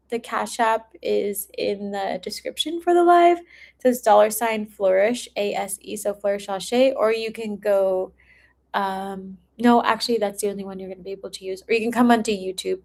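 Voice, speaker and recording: Hosting a tarot livestream, a woman chats informally with viewers in a medium-pitched, slightly mellow voice that's a bit creaky. She talks at a normal speed, keeping things chatty and frequently giggling.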